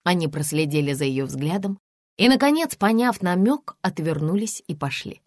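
A woman narrating an audiobook in an even, measured reading. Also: lowish voice, dry recording, studio quality. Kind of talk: scripted narration.

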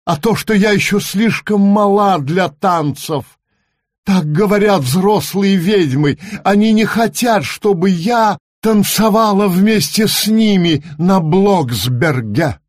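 Storybook little witch: a stubborn, quick-tempered girl, high and petulant, as a man puts her on. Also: lively intonation, no room sound, clean studio sound, full character voice. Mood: angry. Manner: defiant, petulant. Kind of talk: storybook reading.

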